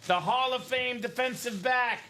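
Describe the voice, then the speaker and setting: A man in his thirties hosting a live card break, chatty and energetic, calling out names and teams. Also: very high-pitched, normal speed, slight background noise. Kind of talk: live stream commentary.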